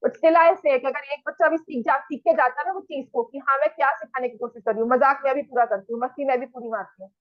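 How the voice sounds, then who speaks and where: A woman's voice: high voice, fairly even intonation, fast talker, hardly any pauses, dry recording, highs cut off. A woman maths teacher. She mixes Hindi and English, keeps asking the class questions and scolds the students firmly. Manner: talks straight to the students, asks them questions, scolds firmly.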